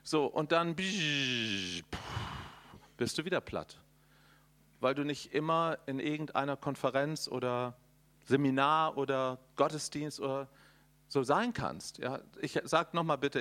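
A middle-aged man preaching a charismatic sermon, folksy and animated, talking straight to his listeners and making sound effects. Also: mid-range voice. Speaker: preacher and conference speaker.

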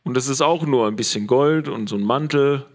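A man's voice: mid-range voice, fairly quick. A man preaching a sermon in a casual, conversational way, often checking in with his listeners. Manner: casual, conversational, frequent "ja?" tag questions.

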